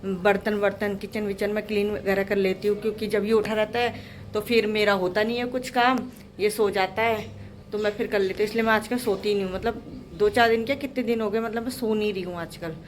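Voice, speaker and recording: A woman's voice: mid-range voice, steady tone, a little fast, a little hiss or hum. A young woman vlogging from her home kitchen, chatting casually to the camera about her day and her little son while she does her housework. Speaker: vlogger and mother. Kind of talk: casual daily vlog chat.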